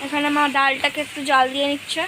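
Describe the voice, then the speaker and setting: A young woman, a little hoarse, chatting playfully to viewers about her mother's cooking in a home kitchen. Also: high voice, monotone, fast talker, background noise. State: hoarse throat. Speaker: daughter of the vlogger. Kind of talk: casual chat to viewers.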